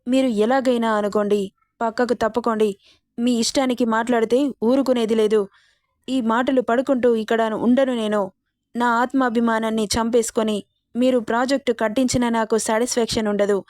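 A woman's voice: fairly high pitch, fairly even intonation, a little fast, a little mellow, no echo, studio quality, close to an everyday voice. A woman voicing a proud young heroine, hurt and defiant. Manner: pleading then defiant, earnest.

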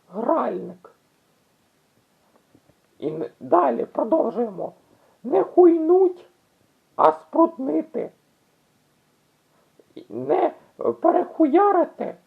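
A woman explaining word usage in a casual video, halting often with restarts and drawn-out fillers. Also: sits high, creaky. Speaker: language explainer. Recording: tinny phone-like audio.

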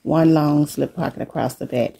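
A vlogger with a cold speaks in a low, gravelly voice during a casual show-and-tell indoors in her living room. She takes her time, stays relaxed, and addresses her viewers as "y'all," just as she's starting to get sick.

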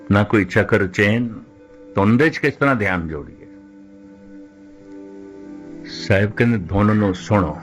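An older man giving a measured religious discourse, repeating phrases and slowing down to recite scripture. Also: fairly low pitch. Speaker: Sikh preacher giving katha.

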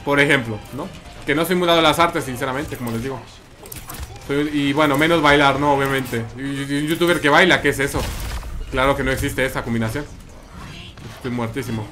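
A man's voice: medium pitch, steady tone, a little fast, bright, forceful tone, soft background music. A man with a Mexican accent commenting live on his gameplay, chatting with viewers and repeating his phrases. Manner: chatty, repeats phrases, reads and answers chat. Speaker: streamer.

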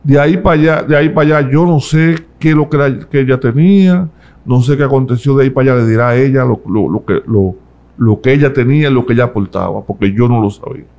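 A man telling his testimony in an interview, lively and acting out the voices of the people in his story. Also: mid-range voice, quick pace.

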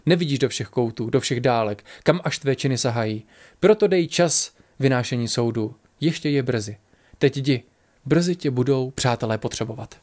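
A wise old-world sage in a fantasy storybook gives calm, instructive counsel, as a man reads him. The voice is a man's, middle in pitch. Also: lightly acted. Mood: counselling.

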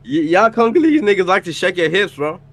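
A man in his twenties from Egypt, a contestant on a dating stream, flirts in a laid-back, slangy way, dropping phrases like "for sure" and "I bet." His high-pitched, sing-song voice moves briskly over heavy background noise in this casual, flirty chat.

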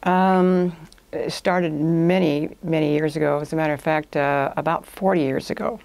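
An older woman, likely in her 60s or 70s, speaks as a guest in a small indoor podcast studio, where she owns a language institute and answers questions in a conversational, step-by-step way. Her voice sits low with a steady tone, a moderate pace, vocal fry, and a darkish color. There is no room sound.

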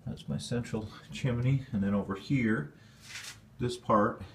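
Filming on a handheld phone, a man rambles plainly through a walkthrough of his old basement, using fillers as he goes. He speaks at a mid-range pitch and a little slowly; the dark stone room is echoey and the recording carries a little hiss or hum.

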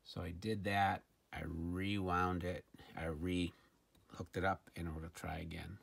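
This low, creaky male voice moves a little slowly with a flat delivery. He's reviewing a gadget at a tabletop indoors, demonstrating it casually and somewhat hesitantly, almost thinking aloud. Faint noise and handling clicks sit in the background.

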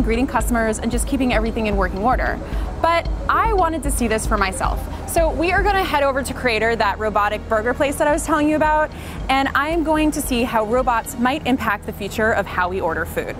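A woman in her thirties narrates a scripted tech explainer with a bright, conversational lift, her voice pitched somewhat high. Music plays steadily beneath her. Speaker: video host and narrator.

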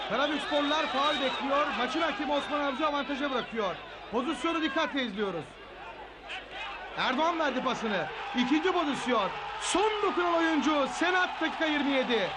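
A man giving excited football match commentary in a shouting, screaming delivery. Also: very high voice. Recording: loud crowd noise behind commentary. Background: stadium crowd.

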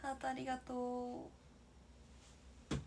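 A woman's voice: high-pitched, completely flat delivery, slow, gravelly, heavy background noise. A young woman from Aichi hosting a casual livestream, chatty and giggly, reading viewer comments aloud and often dropping to a near-whisper. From Aichi, Japan. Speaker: idol livestream host.

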